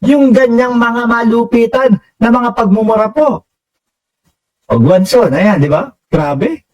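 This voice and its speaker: Filipino guy vlogging, high voice, teasing and laughing a lot, sits a bit back from the mic. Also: slow pace, darkish tone, recorded from a distance, muffled recording. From Philippines. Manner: mocking, laughs often, addresses viewers as bossing. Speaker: political commentary vlogger. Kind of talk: casual commentary reading viewer comments.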